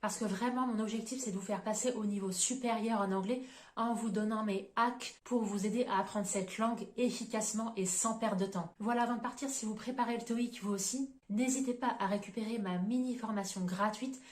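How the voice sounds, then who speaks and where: A woman explains English sounds in a patient, clear teaching manner, repeating each example so viewers can copy it. Her voice sits in a middle range and carries a noticeable room echo. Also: mid-range voice, fairly even intonation, a little fast. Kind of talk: online pronunciation lesson.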